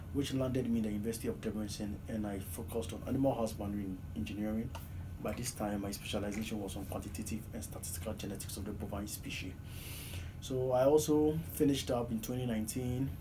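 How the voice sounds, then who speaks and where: A man in his thirties from Ghana with a Ghanaian accent, earnestly answering interview questions from a small office, with many "uh" fillers. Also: lowish voice. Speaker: PhD student guest. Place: small office, seated in desk chair. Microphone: far camera, low angle. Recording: noisy room recording.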